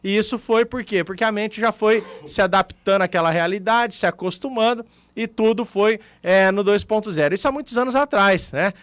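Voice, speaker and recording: A man's voice: high voice, brisk, few pauses, a bit bright, clean tone, no echo. A man with a Brazilian Portuguese accent, co-hosting a radio talk show and explaining his points with everyday examples.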